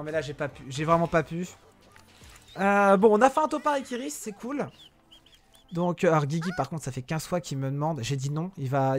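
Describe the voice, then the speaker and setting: A young man giving excitable live commentary on a mobile game, talking to his viewers and yelling at opponents. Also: high voice. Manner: excitable, shouts during fights, talks to viewers and enemies. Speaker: gaming YouTuber.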